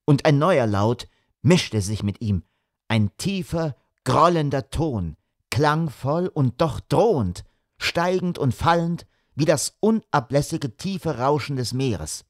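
A man reading an audiobook, with measured, atmospheric dramatic narration. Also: a little high, lively intonation, no echo, clean studio sound.

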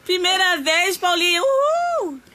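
A woman's voice: extremely high pitch, big pitch swings, measured pace, background noise. A woman hosting a casual craft live stream, chatting with viewers and greeting them by name.

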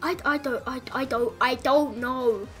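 A woman giving excited gameplay commentary as a gaming channel host, breaking into shouts and yelps at the action. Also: high voice, unhurried, soft background music.

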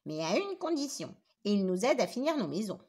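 A woman voicing a wise little piglet in a storybook, in a measured, friendly tone. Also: mid-range voice, very animated, a little mellow, husky.

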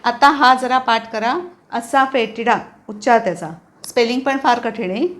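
Woman, English teacher, vocabulary drill, patient repetition, slightly high voice. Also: a bit bright. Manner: patient, repeats each word slowly for learners.

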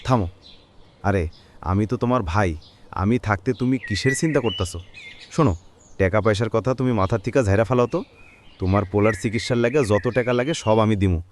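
Speaking quickly but leaving long pauses, a man with a low-leaning voice and a rural Bangladeshi accent plays a cartoon's kind, devout village companion. The acting is light, his manner sincere, soothing and mildly exhorting, while birds chirp faintly amid soft background noise.

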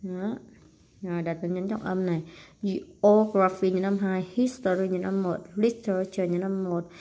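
Mellow-voiced woman teaching English, unhurried. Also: on the low side, level tone. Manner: thinks aloud with many fillers, speeding and slowing. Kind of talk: casual lesson walkthrough while writing.

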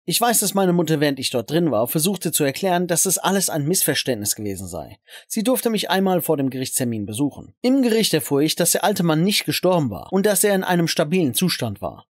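A man's voice: on the high side, very animated, fast talker, hardly any pauses, dry recording, studio quality. A man narrating a first-person story in a scripted, dramatic way.

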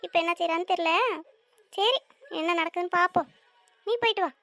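A woman voicing a cheeky, shrill little cartoon girl. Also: brisk, fairly bright tone, no echo, clean studio sound, faint music behind. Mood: chatty. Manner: teasing, scolding, chatty asides to viewers. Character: cheeky young girl, bold and sharp-tongued. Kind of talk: cartoon voice acting.

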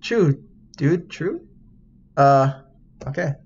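A man's voice: on the high side, expressive, drawn-out words, a little mellow, slightly rough, muffled recording. A man casually reading a game's dialogue aloud while he plays, swearing, laughing and yelping when something startles him. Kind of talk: casual let's-play commentary.

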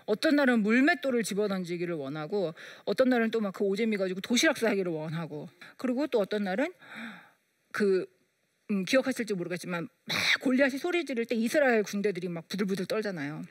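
A woman's voice: mid-range voice, animated, fast, no echo, studio quality. A woman giving a lecture on parenting, telling stories and acting out the dialogue in quoted voices. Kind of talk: storytelling lecture.

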